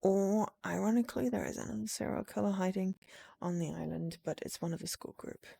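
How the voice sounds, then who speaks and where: A woman's voice: medium pitch, a little fast, vocal fry, warm tone, breathy edge. A woman reading game dialogue aloud and adding casual commentary during a playthrough. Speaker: gamer playing a visual novel. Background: game music.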